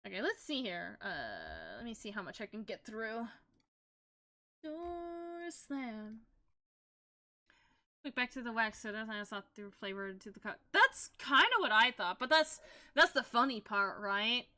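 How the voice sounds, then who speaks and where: A woman's voice: fairly high pitch, sing-song, unhurried, bright, forceful tone. A young woman streaming as a VTuber, chatting casually while she paints, rambling and laughing often.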